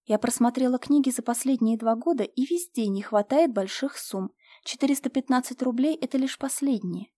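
Brief: woman playing a composed young lady of the manor, cool and firm, slightly high voice, storybook reading. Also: brisk, hardly any pauses, mellow, dry recording, clean studio sound, close to an everyday voice. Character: calm, firm young noblewoman managing an estate.

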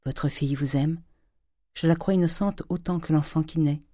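A woman reading aloud voicing a suffering older wife and mother who pleads softly and slowly with her husband. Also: sits low, dry recording, clean studio sound. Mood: pleading. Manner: soft, pleading, slow.

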